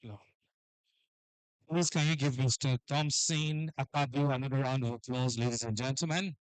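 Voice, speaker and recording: A man hosting a live event as master of ceremonies, lively and forever calling for applause. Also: mid-range voice, normal speed, smooth, no echo, low-quality recording. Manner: lively, keeps urging the crowd to applaud.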